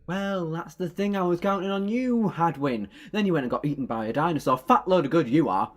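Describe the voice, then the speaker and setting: A man's voice: fairly high pitch, animated, a little fast, lightly acted. A man acting as a glib, righteous time-travelling adventurer in an audio drama, with a theatrical, bantering manner. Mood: indignant banter.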